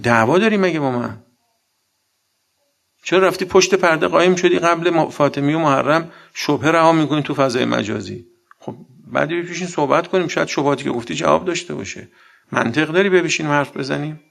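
A man giving a sermon, arguing with many rhetorical questions and reciting Quranic verses, swinging between loud outbursts and quiet asides. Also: fairly high pitch, gravelly. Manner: argumentative, full of rhetorical questions. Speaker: religious speaker.

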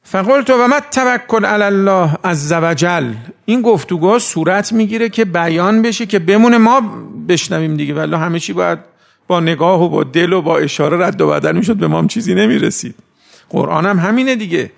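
A man giving a conversational sermon who recites Arabic sayings slowly and then explains them in everyday speech. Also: sits high, gravelly. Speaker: cleric giving a religious talk.

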